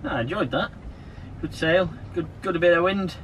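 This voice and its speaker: A man, chatting casually on a sailboat with a dry, sardonic, low-key manner. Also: normal speed, fairly bright tone, low-quality recording. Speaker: sailing vlogger, skipper. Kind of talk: casual chat. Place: outdoors in a sailboat cockpit. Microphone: camera mic from a short distance. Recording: outdoor wind and boat noise.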